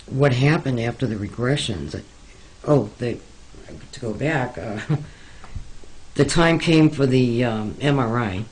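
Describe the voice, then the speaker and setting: A man in an interview, telling his own story slowly and haltingly. He fills the gaps with frequent ums and uhs, and speaks in an earnest, confiding way at an unhurried, dragging pace in a mid-range voice. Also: medium pitch, slight background noise, poor audio. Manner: hesitant, many pauses and fillers. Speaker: interviewee recounting experiences. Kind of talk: slow, halting personal account.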